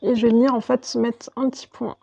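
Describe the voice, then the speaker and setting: A woman's voice: a little high, flat delivery, brisk, vocal fry, dark tone, no echo, lo-fi sound. A woman talking through her makeup step by step as a beauty vlogger, chatty and casual. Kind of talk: makeup tutorial voice-over.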